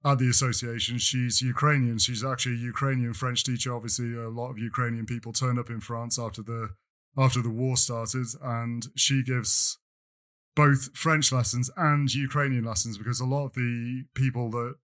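Flat-voiced British man chatting. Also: medium pitch, moderate pace. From Britain. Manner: rambling with many fillers and restarts. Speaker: podcast co-host. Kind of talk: casual chat. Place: lives in France.

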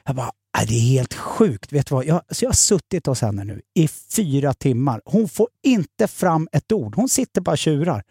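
Husky, gravelly man telling a story. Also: a little high, hardly any pauses, dry recording, studio quality. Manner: animated, acts out quoted dialogue; swears freely, many fillers. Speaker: podcast guest. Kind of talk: casual storytelling.

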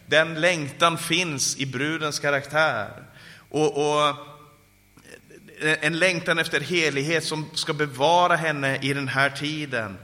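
Fervent preacher in a reverberant hall. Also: male voice, fairly even intonation, pushed and bright. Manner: fervent, rising to calls and dropping low in prayer. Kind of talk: sermon ending in prayer. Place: conference hall. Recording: live sermon in a reverberant hall.

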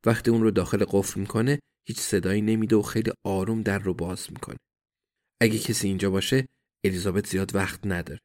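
A man narrating an audiobook in a steady, even storytelling manner. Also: lowish voice.

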